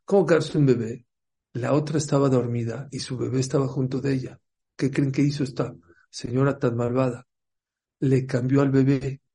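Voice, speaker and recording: A man's voice: mid-range voice, little pitch movement, moderate pace, dark tone, breathy edge. A man gives a religious talk, telling stories, asking the listeners questions and acting out the characters' voices. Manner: storytelling, asks the audience questions. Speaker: religious teacher.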